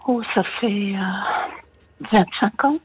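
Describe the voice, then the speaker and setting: A woman's voice: medium pitch, slow, phone-quality sound, slight background noise. A woman in her sixties from France with a slight American accent, calling in to a radio show and talking hesitantly with many fillers. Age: 60s. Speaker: caller. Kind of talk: phone-in confession.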